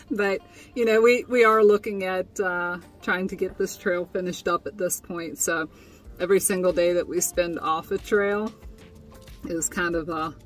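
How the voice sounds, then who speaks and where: Recorded from a distance with soft music in the background, a young woman with a lowish, unhurried voice recaps her day in a casual vlog. She's inside a small tent, chatting away with frequent fillers and laughs.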